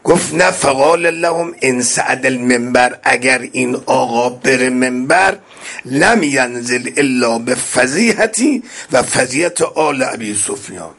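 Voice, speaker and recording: A man preaching a mourning sermon. He rushes through some passages and slows into loud, high cries at the peaks. He quotes Arabic phrases and then explains them. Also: animated, creaky, faint music behind. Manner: swings between fast murmured passages and slow shouted climaxes.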